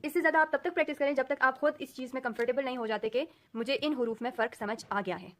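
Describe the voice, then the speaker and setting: A woman with an Urdu accent teaching a recorded lesson, speaking slowly and deliberately and repeating sounds as drills. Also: sits high, a bit bright. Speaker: Quran recitation teacher.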